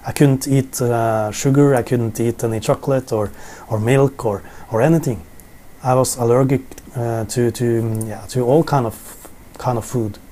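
The speaker is a middle-aged Norwegian man whose medium-pitched, warm voice holds fairly even intonation at a moderate pace, with slight background noise. With a Norwegian accent, he teaches the Bible in English informally from his living room sofa, often repeating words as he searches for them, facing a camera in front of him in a seated framing.

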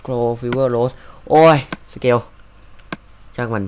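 A young man casually commenting while he plays a block-building game, chatty and joking, with loud exclamations. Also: medium pitch, level tone, extremely slow, a little hiss or hum. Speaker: gaming video host.

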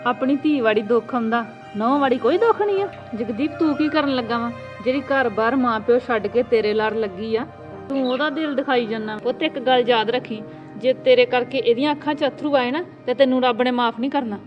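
Outspoken aunt, played by a woman, firm and lecturing, rapid delivery. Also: on the high side, lo-fi sound, music in the background, close to an everyday voice. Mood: stern. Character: wise outspoken aunt who lectures the family. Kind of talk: amateur family drama.

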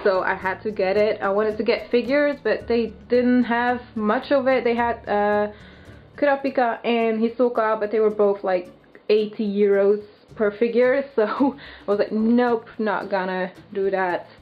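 A Dutch-accented woman vlogger chats casually in a rambling, giggly way while showing off a haul in a small bedroom, filming on a handheld camera. Her voice is on the high side, steady, at normal speed, and the built-in mic gives muffled, lo-fi sound.

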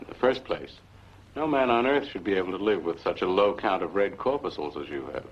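An actor playing a middle-aged doctor, earnest, precise and formal, in a 1950s film. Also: male voice, deep voice, animated, brisk, breathy edge. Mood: grave, concerned. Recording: muffled old 1950s film soundtrack.

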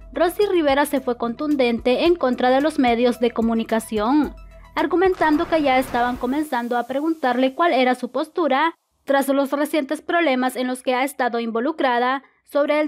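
A woman reading scripted entertainment news narration, quotes included in the same even voice. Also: high voice, moderate pace. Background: faint music.

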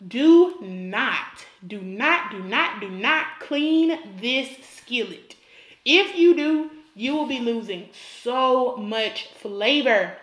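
In a reverberant space, a woman from Alabama with a slightly high, somewhat bright voice hosts a cooking tutorial. As a cooking channel host, she walks the viewer through each step and repeats points for emphasis.

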